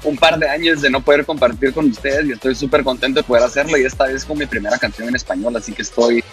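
A man's voice: medium pitch, quick pace, faint music behind. A man from Guatemala, a guest DJ and producer, upbeat and talking in long rambling runs in a radio interview. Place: radio studio.

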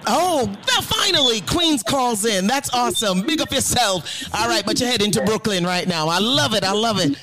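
High-voiced effusive male morning radio host. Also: expressive, music in the background. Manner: effusive, repeats phrases, drawn-out exclamations. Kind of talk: upbeat radio chat with callers.

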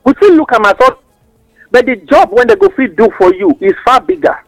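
A man's voice: very high voice, sing-song, a little fast, gravelly, no echo, faint music behind, low-quality recording. A man with a Nigerian accent explaining things in West African Pidgin English, teaching through examples and rhetorical questions as a radio guest giving advice.

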